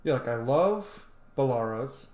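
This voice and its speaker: A man with a medium-pitched, animated voice, a little slow and a little mellow, rambles through casual let's-play commentary, gushing and swearing freely. He's a gaming streamer playing and commenting, recorded with roomy echo and faint background noise.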